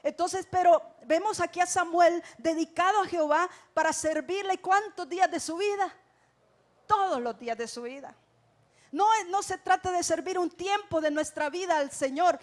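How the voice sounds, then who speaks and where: A woman with a Salvadoran Spanish accent preaching a sermon, emphatic and often addressing listeners as brother. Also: extremely high pitch. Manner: emphatic, keeps calling listeners "hermano".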